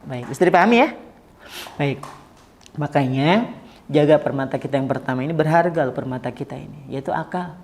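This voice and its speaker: A man giving a casual Islamic study talk to a live audience, lively and joking, acting out little dialogues and asking the audience questions. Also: on the high side, brisk, long pauses. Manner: lively, acts out quoted dialogue, jokes with audience. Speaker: Islamic preacher.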